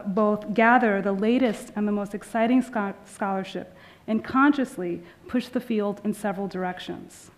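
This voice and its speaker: A woman curator opens a conference from a podium microphone in an auditorium. Her delivery is formal and measured, mid-pitched, with frequent "uh" pauses between phrases. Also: darkish tone. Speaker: museum curator. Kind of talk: welcoming conference remarks.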